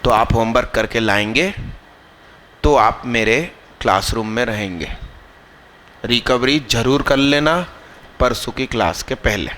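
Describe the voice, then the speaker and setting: A man teaching math live to a class, quizzing students, drilling terms slowly and scolding anyone not paying attention. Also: medium pitch, fairly bright tone, a little hiss or hum. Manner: scolding, teasing students mid-lesson.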